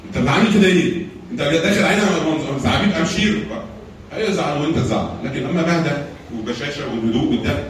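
A man's voice: on the high side, slight background noise. Egyptian guy doing a church talk on anger, asks questions and repeats himself, mic far away and lots of echo. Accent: Egyptian Arabic. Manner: teaching with rhetorical questions and repeated phrases. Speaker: church lecturer. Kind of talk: talk on anger management with slides. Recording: very echoey room, mic far off.

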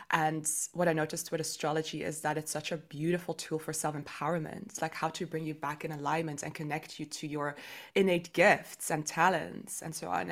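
A woman explaining her work as an interview guest, in informal, reflective, conversational speech. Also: sits low. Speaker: podcast guest, astrologer and spiritual guide. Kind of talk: casual explanatory interview talk.

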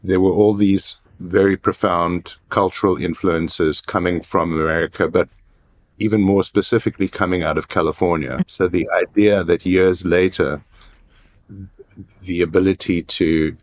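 Man, 60s, born in South Africa, very low voice, measured podcast interview answers. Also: fairly even intonation. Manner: measured, plain-spoken, with small restarts. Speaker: guest, art residency founder.

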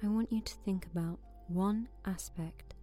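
A woman guiding a sleep meditation in a soft, soothing voice that often drops to a whisper. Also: medium pitch, unhurried, soft background music. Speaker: meditation guide.

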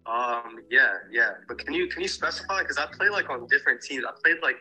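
Young man, very bright, forceful voice, hesitant, puzzled, halting speech. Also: mid-range voice, animated, soft background music, low-quality recording. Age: young adult. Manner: hesitant, puzzled, many fillers. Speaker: prank call target. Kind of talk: phone conversation.

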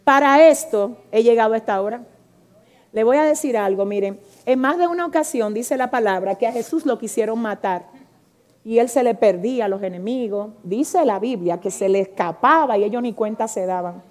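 A woman preaching a fervent sermon, swinging between loud exclamations and soft pleading, calling out to her congregation. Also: fairly high pitch, animated, a little fast. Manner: calls out to the congregation, asks for responses. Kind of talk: Pentecostal-style sermon.

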